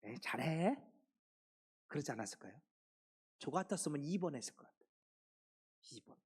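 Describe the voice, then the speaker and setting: Brief: man, fifties, pastor preaching a sermon, animated rise and fall, questions the pews. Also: a little high, fast talker, husky. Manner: lively preaching that poses questions to the congregation.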